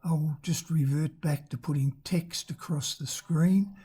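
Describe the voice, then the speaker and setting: A travel vlogger whose sex is hard to tell from the voice narrates off the cuff and with some hesitation. The voice is thin and squeaky, roughened by damaged vocal cords, yet the tone stays steady and dark at a measured pace.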